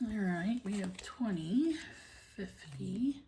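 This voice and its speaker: A woman casually narrating a hands-on task as a video host, unhurried and often counting to herself, in a noisy home recording. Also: mid-range voice, animated, dark tone. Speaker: budgeting channel host. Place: at home, indoors.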